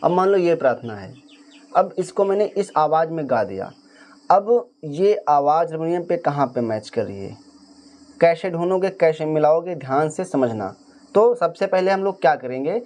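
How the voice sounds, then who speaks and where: High-voiced man teaching harmonium. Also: lively intonation, normal speed, a little mellow. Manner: explains step by step, sings short phrases to demonstrate. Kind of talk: casual spoken music lesson. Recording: faint harmonium music behind. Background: harmonium playing.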